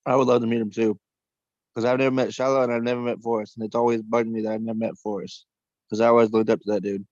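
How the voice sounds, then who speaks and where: A man joking quickly in a casual group chat, heard over a dull, lo-fi line. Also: fairly low pitch, level tone, a little mellow, no room sound. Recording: dull lo-fi sound.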